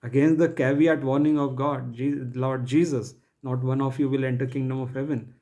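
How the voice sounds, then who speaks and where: A male preacher delivering a sermon in a mellow, warm voice. He talks earnestly and with feeling, breaking his thoughts into short phrases, pausing and restarting as he goes. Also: mid-range voice, fairly even intonation. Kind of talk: online sermon.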